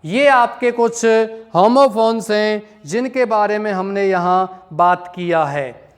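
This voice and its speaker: A man's voice: high-pitched, takes it slowly, in a large hall. A male teacher giving a classroom grammar lesson, spelling out words letter by letter, repeating them and quizzing his pupils.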